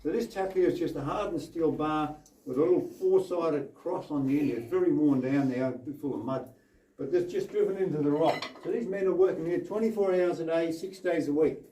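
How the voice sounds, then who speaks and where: A man's voice: a little high, brisk. Man guiding a tour, cave echo. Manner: steady, explanatory, gives instructions to the group. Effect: cave echo from the rock tunnel. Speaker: mine tour guide. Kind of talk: guided tour explanation to a group. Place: inside an underground gold mine tunnel. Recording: echoey tunnel voice from some distance, faint noise.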